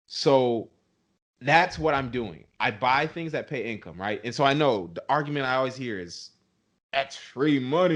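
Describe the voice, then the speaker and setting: A young man co-hosting a podcast, ranting with heavy emphasis and calling listeners "bro". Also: medium pitch. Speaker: podcast co-host. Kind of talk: passionate podcast rant.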